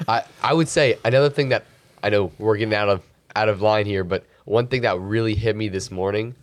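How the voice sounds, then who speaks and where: A man's voice: on the low side, brisk. A young man in his late teens co-hosting a student podcast, talking in a reflective, earnest way with lots of "you know" fillers. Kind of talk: casual podcast chat.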